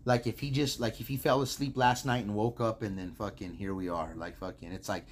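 A man's voice: fairly low pitch, steady tone, fairly quick. An American man co-hosting a casual podcast, talking like a frat bro with lots of slang and swearing. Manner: frat-bro talk, slangy and heavily profane. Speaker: podcast co-host. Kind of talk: casual chat.

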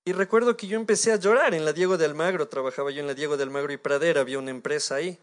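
A man with an Ecuadorian Spanish accent delivers a sermon in a noticeably high voice. He preaches in a lively, animated way, breaking into little acted-out conversations with God. He sounds like a pastor in his thirties. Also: very fast. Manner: animated, acts out imagined dialogues with God.

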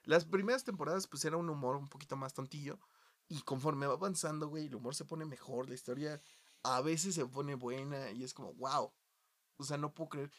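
A man with a Mexican Spanish accent, hosting a casual podcast chat and talking in an animated way, full of swearing, going from quiet asides to loud outbursts. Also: a little high, a little fast. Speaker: podcast host.

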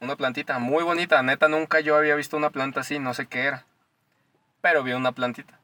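A young man with a Mexican Spanish accent tells stories on a podcast in loose, slangy talk full of swearing. His voice is bright and forceful. He sits a little back from the microphone. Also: medium pitch, fast talker, recorded from a distance. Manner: slangy, animated, swears freely. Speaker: podcast co-host. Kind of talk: casual storytelling chat.

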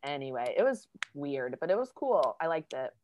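A young woman co-hosting a podcast, telling a story in a casual, animated way and swearing freely. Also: deep voice, moderate pace, slight background noise. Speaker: podcast co-host. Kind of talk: casual chat.

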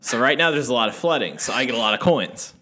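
A man's voice: medium pitch, lively intonation, fast, pushed and bright. A man co-hosting a casual podcast, explaining things at length with lots of fillers and restarts. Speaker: podcast co-host.

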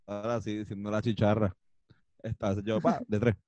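A man's voice: fairly low pitch, little pitch movement, a little fast, warm tone, muffled recording. A man in his twenties with a Puerto Rican accent, co-hosting a casual podcast and joking around with slang. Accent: Puerto Rican Spanish. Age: 20s. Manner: joking, slangy, imitates voices. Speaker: podcast co-host. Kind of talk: casual chat.

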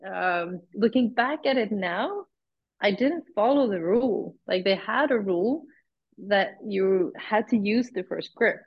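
A young woman, a guest athlete chatting casually and telling an animated story with acted-out dialogue. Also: mid-range voice, unhurried, slightly rough, dull audio. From Sweden. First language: Swedish. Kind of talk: casual chat.

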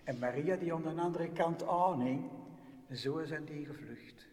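A man telling a story at a slow pace, with big swings between loud and hushed. His voice sits a little high. He is heard from far off in a hall with long reverb. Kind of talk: spoken storytelling. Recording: distant voice in echoey hall.

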